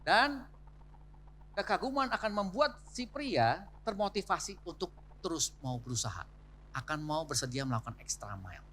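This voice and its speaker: A man's voice: a little high, lively intonation, normal speed, bright, forceful tone, slight background noise. A man giving a conversational church marriage seminar talk, addressing the couples with frequent rhetorical asides. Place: church hall.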